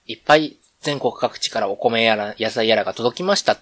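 A man's voice: mid-range voice, a little fast, a bit bright, no room sound. A man with a Kansai accent hosting a solo podcast, chatting in a rambling, conversational way and often correcting himself. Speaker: podcast host. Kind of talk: casual solo radio chat.

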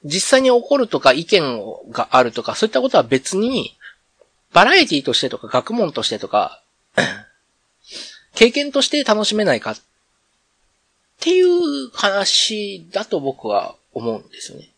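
Solo podcast host, a man with a Kansai accent, rambling, very lively intonation, dry close sound. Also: high voice, measured pace, no room sound. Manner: rambling, conversational, self-correcting. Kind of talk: casual solo radio chat.

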